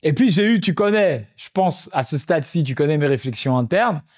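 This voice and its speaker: A man's voice: a little high, animated, brisk, darkish tone. A man hosting a podcast, telling stories of fatherhood in a reflective, casual way, repeating phrases for emphasis. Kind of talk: casual storytelling monologue.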